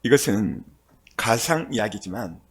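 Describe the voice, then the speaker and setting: A man pastor delivering a sermon, telling a story with animated delivery and addressing the congregation. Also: lowish voice, a little slow, slightly rough.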